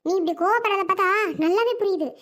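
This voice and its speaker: A woman's voice: very high-pitched, fast. A woman playing a stubborn young wife in a family skit, who insists and accuses. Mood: accusing. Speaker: Soni, a daughter-in-law in a family skit. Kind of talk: family comedy skit acting.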